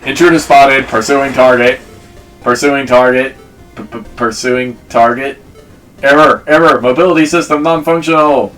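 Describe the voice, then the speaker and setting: A man's voice: mid-range voice, steady tone, moderate pace, fairly bright tone, distant mic, soft background music, close to an everyday voice, poor audio. A man voicing a malfunctioning male robot guard that stutters through clipped, glitching announcements. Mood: alarmed. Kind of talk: video game level review with voiced figures.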